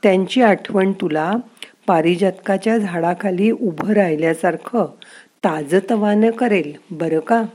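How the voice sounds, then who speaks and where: A woman voicing the narrator's own mind as a gentle, wise inner voice that coaxes and softly scolds. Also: medium pitch, measured pace, natural voice. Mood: gently coaxing.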